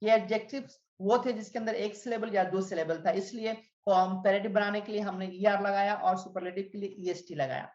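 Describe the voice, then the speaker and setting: A woman teaching English grammar, reading word lists aloud slowly and clearly and explaining the rules. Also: medium pitch, steady tone, darkish tone. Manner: reads word lists aloud, slow and drilled, falls at each line end. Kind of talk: spoken English grammar lesson. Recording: echoey room, dull lo-fi sound.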